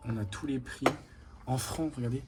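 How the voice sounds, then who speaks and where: A man's voice: mid-range voice, normal speed. A young Frenchman casually guiding a night exploration vlog with spoken commentary as he goes through an abandoned house. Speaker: urban explorer guiding the visit. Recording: echoey empty house, noticeable noise.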